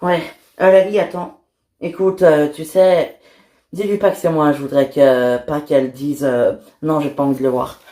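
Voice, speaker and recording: A woman voicing a shy, nervous young man in a toy figure series, speaking hesitantly with many pauses. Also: sits low, steady tone, mellow, roomy sound, lightly acted.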